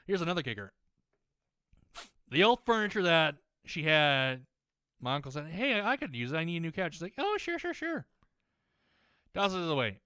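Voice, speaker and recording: Here a young man on a gaming YouTube channel swears a lot and rambles while playing, often restarting what he's saying, and his voice gets a little hoarse as he warms up. It sits on the high side, recorded dry and at studio quality.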